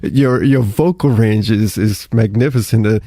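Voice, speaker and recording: A man's voice: on the low side, measured pace, dark tone, dry recording, clean studio sound. Stammering male podcast host. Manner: hesitant, stammering restarts. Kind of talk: casual interview chat.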